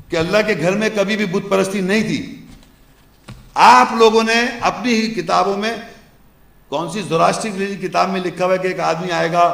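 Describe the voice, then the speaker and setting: A man with a high, gravelly voice delivers a religious lecture, firing rhetorical questions at his listeners. He chants verses before explaining them in plain, forceful speech. The sound rings in an echoey room. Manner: emphatic, poses rhetorical questions to the audience. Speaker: Islamic lecturer.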